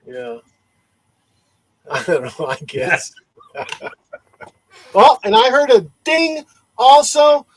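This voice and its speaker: A man with a Chicago accent hosts a casual livestream. His voice sits high and he talks slowly, stalling and repeating words as he goes, often breaking into laughter. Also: huge pitch swings, slight background noise, rough recording. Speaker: livestream host.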